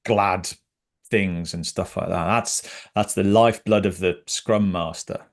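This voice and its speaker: A man co-hosting an online webinar, talking in a passionate, animated and chatty way as a scrum trainer. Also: low-pitched, unhurried. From Britain.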